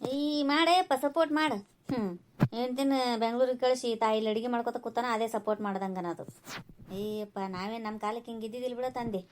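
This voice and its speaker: A woman voicing a sharp-tongued, complaining village mother in a cartoon. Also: on the high side, fast, background noise, lightly acted. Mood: grumbling. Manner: scolding, sarcastic, complaining. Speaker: voice actor. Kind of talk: cartoon voice acting.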